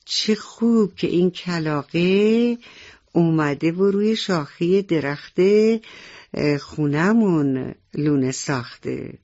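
A woman doing a gentle old grandpa. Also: low-pitched, highs cut off. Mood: pleased. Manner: calling loudly to shoo off a cat.

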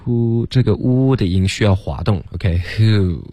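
A deep-voiced man coaching English pronunciation. He corrects students one by one and models each sound slowly. The sound is dry and close. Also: mellow, dry recording. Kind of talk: pronunciation coaching in a broadcast class.

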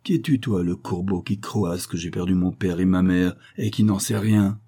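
Insolent brigand voiced by a man, aggressive, husky, rough. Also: deep voice, steady tone, moderate pace. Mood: hostile. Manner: aggressive, shouting insults. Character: fierce bearded male brigand, insolent.

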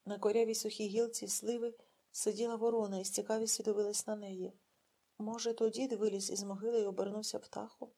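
A woman narrating a literary audiobook in a measured, dramatic storytelling manner. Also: medium pitch, little pitch movement, warm tone.

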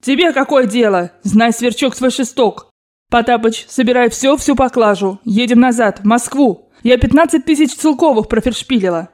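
A woman's voice: fairly high pitch, normal speed, darkish tone, close to an everyday voice. A woman voicing an imperious, scolding old Russian grandmother in an audiobook, barking abrupt commands. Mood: commanding. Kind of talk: audiobook narration.

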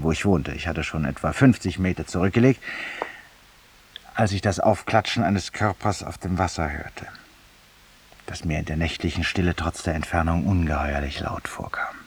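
In the manner of a 1950s German radio play, a male actor voices a weary, ironic, haunted man confessing to a stranger in a slow, courteous, literary monologue, confiding and ceremoniously polite. His voice sits low and husky, the mood haunted and reflective. The hissy 1950s recording makes him sound distant.

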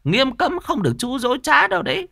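A bossy, skeptical old village chief, played by a male storyteller scolds and sneers in a raised, nasal-high register. The delivery swings widely and the sound is dry and close. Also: very animated, fairly quick, gravelly, pushed and bright, no echo, heavily acted. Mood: scornful bossiness.

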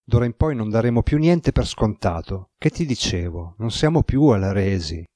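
A man's voice: on the low side, lively intonation, moderate pace, warm tone, no room sound, studio quality. A man voicing a grim, commanding man with godlike power who talks curtly and swears when angry. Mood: sober.

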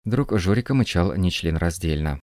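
A man narrating an audiobook in an even, measured reading. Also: low-pitched, dry recording.

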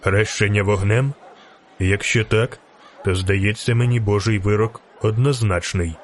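A man voicing a calm, courteous barber with a coolly ironic manner, speaking lower than his narration in an audiobook reading. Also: measured pace, a little hiss or hum, lightly acted. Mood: coolly polite.

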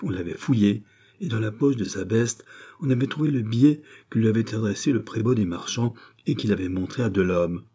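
A man narrating a classic novel as an audiobook in a measured, dramatic reading. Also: fairly low pitch, dark tone, slightly rough.

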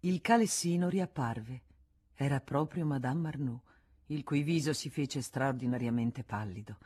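A woman reading a classic novel aloud in a measured, expressive way. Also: a bass voice, slightly rough. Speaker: audiobook reader. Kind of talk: literary audiobook narration.

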